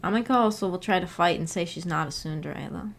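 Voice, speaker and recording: A fast-talking woman with a lowish, creaky voice streams from her home setup, where a little hiss or hum can be heard. As a book club host, she chats casually, reads out comments, and giggles through her thinking aloud.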